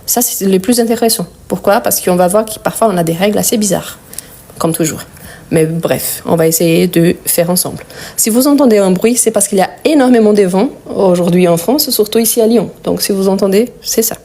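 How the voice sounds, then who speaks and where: A woman teaching French grammar in a live online lesson. She patiently repeats each word slowly and asks viewers questions. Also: medium pitch, dark tone.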